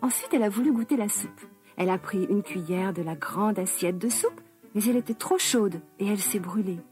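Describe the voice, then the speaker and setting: A woman narrating a children's story slowly and expressively. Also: mid-range voice, soft background music. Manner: slow, expressive, lively.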